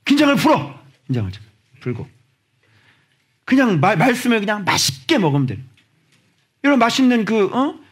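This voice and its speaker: A man preaching a sermon as pastor, animated and sometimes shouting at the congregation, acting out little dialogues. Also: high voice, brisk, pauses often, husky. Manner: acts out little dialogues in different voices. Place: church sanctuary.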